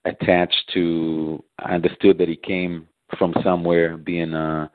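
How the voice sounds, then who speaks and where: A man from Israel, a guest musician, answering interview questions casually in a soft, halting way with many fillers. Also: low voice, level tone, no echo. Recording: dry, tinny phone-like line.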